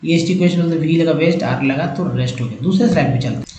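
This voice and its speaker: A man's voice: on the high side, fast, mellow, roomy sound, dull audio, a little hiss or hum. A man teaching English reading from slides, spelling out letter groups and sounding out words in a repetitive drilling way. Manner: addresses viewers as friends, emphatic. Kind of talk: slide-based phonics lesson.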